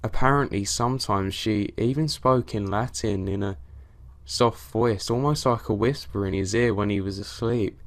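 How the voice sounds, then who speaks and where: A man with a fairly low voice narrates horror stories sent in by readers. He reads from a script and keeps his delivery steady and even from one line to the next. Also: moderate pace.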